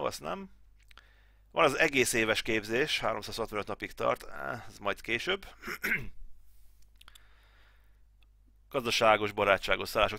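In a lowish, creaky voice with a bright, forceful tone and no room sound, a Hungarian man in his thirties works his way through a farm game tutorial at home. He hosts a gaming channel and is chatty, thinking aloud and muttering to himself as he goes.

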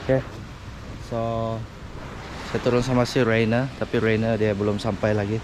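A man's voice: on the low side, normal speed. A young man from Malaysia, chatting casually as he films himself fishing, often tagging "men" onto his phrases. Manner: relaxed, chatty, drops "men" after phrases. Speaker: fishing vlogger. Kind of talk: casual self-filmed commentary. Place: kayak on open sea, outdoors. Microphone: action camera on body. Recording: outdoor camera audio with clear wind and water noise. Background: wind and water.

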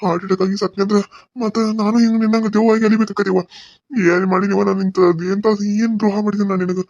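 A man's voice: high voice, level tone, rapid-fire, a little mellow, no room sound, dull audio. A man voicing a frightened older man, a heart patient, pleading in a North Karnataka Kannada accent.

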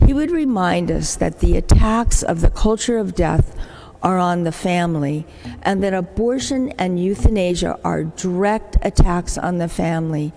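Speaking at a moderate pace in a voice on the low side, an older nun tells warm, anecdotal stories of her community's work during an appeal at Mass. She plays out the voices of the people she quotes. The echo of a large church hall fills the recording.

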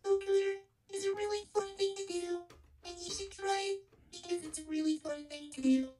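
A man's voice: very high-pitched, steady tone, moderate pace, over loud music, pitched above the performer's own voice. A man's voice run through a vocoder with formant shifting, which gives it a synthetic, robotic sound. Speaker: music production instructor. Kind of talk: demonstration sample, repeated phrase.

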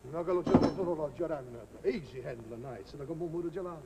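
A gravelly, fairly high-pitched man talks quickly as a jovial old-country Italian cook, his broken English thick with an Italian accent. It's a comedy sketch performed live, captured on a noisy old recording where the audience laughs.

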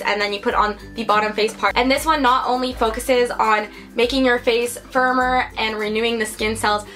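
Casting: young American woman, twenties, bubbly beauty vlogger, slightly high and bright voice, faint music bed. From United States. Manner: chatty and upbeat, lots of "like" and "you guys". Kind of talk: casual product haul talk to camera. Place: her room indoors.

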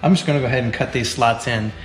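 A man's voice: medium pitch, rapid-fire. A man in his forties giving plain, practical step-by-step welding instruction in a large metal workshop. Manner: practical, plain-spoken, explains each step. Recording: echoey workshop with faint music.

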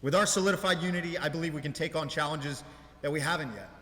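A man delivering a prepared mayoral speech at a ceremony, in deliberate, emphatic oratory with measured pauses. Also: a little high, bright, forceful tone. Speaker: mayor giving an inaugural speech. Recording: reverberant hall, long echo.

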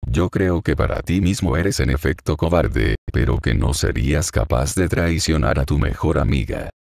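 A man's voice: a bass voice, lively intonation, moderate pace, creaky, no room sound, studio quality, full character voice. A man reading an impatient, scornful young girl. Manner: sharp, scolding. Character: proud, impatient teenage girl.

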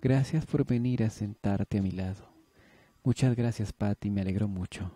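A man's voice: on the low side, normal speed, warm tone, dry recording. A man from Mexico reading a manga aloud as an audiobook, giving every character his own voice. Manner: reads all characters himself. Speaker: audiobook narrator.

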